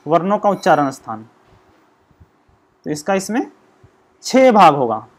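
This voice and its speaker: A man's voice: on the high side, very animated. Man teaching, sounding out syllables. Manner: sounds out syllables slowly, explanatory. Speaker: language teacher. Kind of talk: exam-prep grammar lesson.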